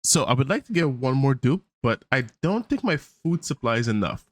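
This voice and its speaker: A man's voice: mid-range voice, sing-song, moderate pace, dry recording. A man hosting a gaming channel, thinking aloud in casual let's-play commentary with fillers and small laughs, in a tired morning voice.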